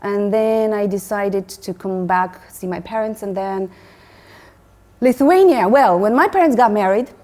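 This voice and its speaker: Here a Moldovan-accented woman in her forties, originally from Moldova, shares anecdotes as an interview guest in an informal setting. Her mid-range voice moves unhurriedly, yet she's animated, laughing and starting over many times.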